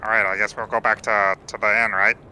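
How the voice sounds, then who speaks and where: A man's voice: on the low side, level tone, a little fast, sharp tone, a little hiss or hum, low-quality recording. A man taking part in a tabletop role-playing game, chatting casually in character as a player.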